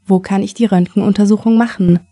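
A man's voice: high-pitched, steady tone, fast, warm tone, no echo, studio quality. A woman reading a male patient with a hurt arm. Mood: plain.

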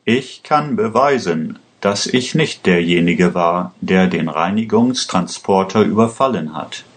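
A man voicing a desperate accused man who pleads and shouts in court. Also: low-pitched, animated, measured pace. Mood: pleading, urgent. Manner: urgent, pleading, often shouting.

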